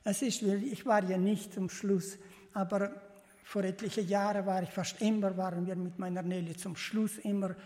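A man preaching an earnest, fervent Bible sermon as a lay preacher, speaking in halting, loosely built sentences that restart and repeat. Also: sits high, little pitch movement, dark tone. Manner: earnest, repetitive, addresses listeners as beloved. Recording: long reverb of a large hall.

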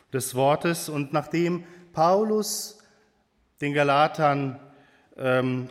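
A man preaching a sermon in a church, speaking slowly and hesitantly with pauses and fillers. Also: fairly high pitch, long reverb tail.

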